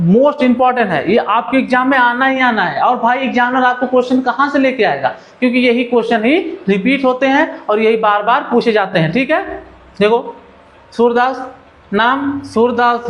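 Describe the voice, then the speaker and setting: A man's voice: very high-pitched, fairly bright tone. A male teacher giving an exam-oriented literature lesson, who keeps asking the class questions and answering them himself.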